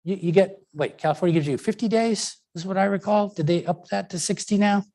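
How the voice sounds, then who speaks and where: A man's voice: high-pitched, a little fast, a little mellow. A middle-aged man presenting a professional training lecture in a conversational way, with sarcastic asides.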